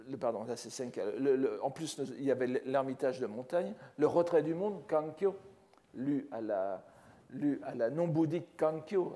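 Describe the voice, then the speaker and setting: An older man giving a scholarly lecture as a professor, measured and careful, often restarting phrases and adding rhetorical asides. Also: medium pitch, mellow. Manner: measured, scholarly, with frequent restarts and "n'est-ce pas". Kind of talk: academic lecture. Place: lecture hall.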